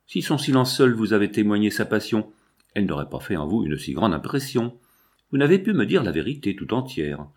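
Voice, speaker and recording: A man's voice: on the low side, darkish tone. A man voicing a jealous, anguished nobleman husband who questions his wife with impassioned reproach, in an audiobook reading.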